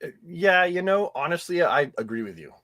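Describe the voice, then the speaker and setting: A man in casual chat, reacting to a trailer with a jokey, animated delivery. His pitch rises and falls freely, and he laughs easily between remarks. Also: normal speed. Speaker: podcast co-host.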